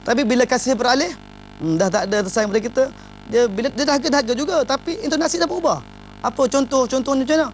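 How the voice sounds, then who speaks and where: A man's voice: very high voice, fast, slight background noise. A man gives an informal advice talk on marriage. He speaks emphatically and often opens his lines with "ha".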